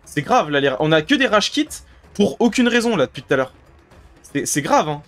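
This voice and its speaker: Exasperated, ranting high-voiced male gamer. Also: sing-song, normal speed, fairly bright tone, soft background music. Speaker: gaming streamer. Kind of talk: live gameplay commentary. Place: indoor room at home.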